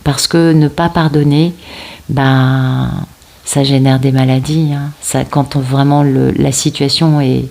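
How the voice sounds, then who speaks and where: Low-voiced French woman reading tarot. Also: level tone, slow pace, vocal fry, dark tone. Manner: searching for words, many fillers and restarts; addresses viewers directly, seeking agreement. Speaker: tarot card reader. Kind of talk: casual spoken tarot reading.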